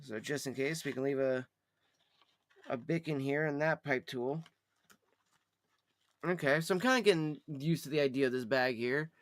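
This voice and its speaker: Hosting a live pipe tobacco review show, a man chats casually and thinks out loud in a loose, slangy way, calling the listener "dude" or by name. His mid-range voice moves at a moderate pace with long pauses, and there's no echo.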